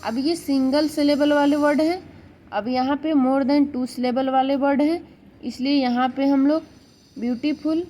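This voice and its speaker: High-pitched female teacher, patient lesson voice, slight noise under it. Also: mellow, low-quality recording. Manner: slow, explanatory, repeats words while correcting herself; sounds out syllables word by word. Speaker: English grammar teacher. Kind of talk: exam-prep video lecture.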